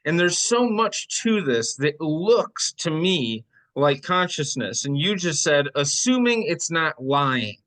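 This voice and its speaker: A man with a bright, slightly tense voice and a somewhat raised pitch. He hosts an interview and asks curious, reflective questions. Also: very animated, slow pace, few pauses. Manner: inquisitive, thoughtful questioner. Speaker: interview host. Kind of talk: conversational interview.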